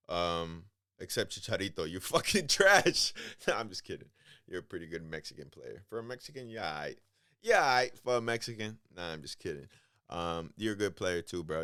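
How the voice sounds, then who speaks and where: A man with a low, smooth voice hosts a casual podcast on his own. He rambles, swears freely and fills the gaps with ums and bro. The sound is dry and close, with no room around him. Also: a bit bright, no room sound. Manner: profane, rambling, calls listeners bro; loose, hesitant delivery with many ums. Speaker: podcast host.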